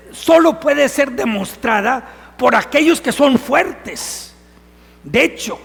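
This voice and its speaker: A man's voice: very high voice, gravelly, a bit bright. A man giving a Sunday homily as a priest, earnest and putting questions directly to the congregation. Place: church. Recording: long church reverb.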